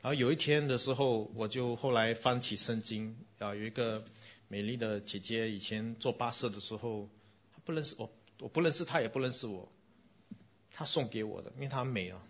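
A middle-aged man, a pastor giving a gentle, conversational children's sermon and calling himself their uncle. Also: mid-range voice, fairly quick, highs cut off.

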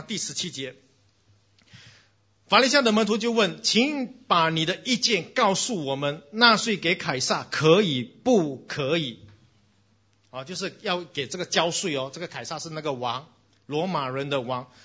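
A man preaching a sermon, telling animated stories and slipping into bits of English. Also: fairly high pitch, husky. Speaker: pastor. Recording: dull, lo-fi recording.

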